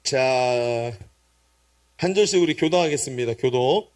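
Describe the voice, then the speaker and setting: A man's voice: medium pitch, lively intonation, unhurried, a little mellow. A middle-aged man preaching a sermon as pastor in a church, playful and teasing the congregation with jokes. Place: church sanctuary.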